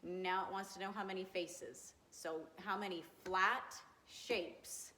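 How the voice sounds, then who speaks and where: A woman teaching a grade two math lesson to young children, gentle and encouraging, asking questions and answering them herself. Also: lowish voice, fairly even intonation, slow, a little hiss or hum.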